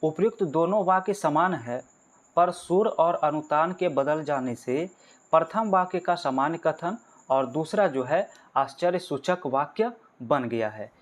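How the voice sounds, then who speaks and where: A man with a fairly high voice teaches a grammar lesson for exam candidates. He goes through each point step by step, puts questions to his listeners and then answers them himself. He calls the viewers friends. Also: lively intonation, measured pace. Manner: explains step by step, repeats key points, asks and answers his own questions.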